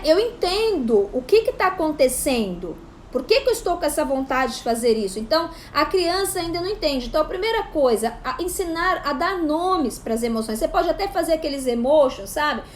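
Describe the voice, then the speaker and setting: A woman in her thirties, a psychopedagogue, giving casual parenting advice to camera in an animated way. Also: high voice, a little hiss or hum. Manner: animated, acts out parent and child voices. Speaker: psychopedagogue and parenting channel host.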